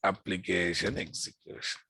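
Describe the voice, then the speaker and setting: Man, Telugu Indian English accent, informal instructor, emphatic and repetitive, creaky voice, close dry sound. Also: low-pitched, steady tone, moderate pace, sharp tone, dry recording. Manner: emphatic, repeats phrases and asks rhetorical questions. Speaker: programming instructor. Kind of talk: informal lecture to a class, with frequent check questions.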